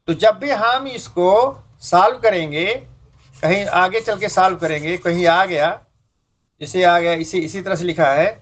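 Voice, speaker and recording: A math teacher with a high, fairly bright voice gives a classroom lecture on fractions, explaining step by step and repeating the key points. The sound is dull and lo-fi.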